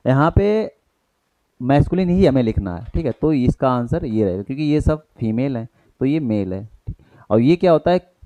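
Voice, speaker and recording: An Indian-accented man teaches an exam-prep grammar class, mixing English terms into his explanations and posing questions he answers himself. His voice is mellow and dark. The recording is dry and slightly dull. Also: on the high side, no echo.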